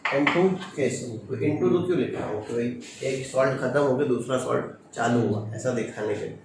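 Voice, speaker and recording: Stern teacher in an echoey classroom. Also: male voice, medium pitch, normal speed. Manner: firm, stern, quizzes students with short questions. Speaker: chemistry teacher. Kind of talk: classroom lecture. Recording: echoey classroom from far off, noisy.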